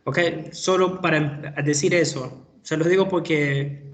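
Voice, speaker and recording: Slow, explanatory and full of hesitations, a middle-aged Ecuadorian English teacher offers feedback to students during an online lesson. He speaks in a steady, slightly high voice, and the audio is dull.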